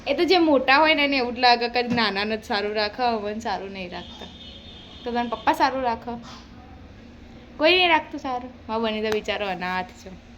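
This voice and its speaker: A woman's voice: a little high, a little fast, a bit bright, a little hiss or hum. A woman in her thirties, a mother chatting casually in a home vlog, teasing and scolding her kids as she talks. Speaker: vlogger and mother.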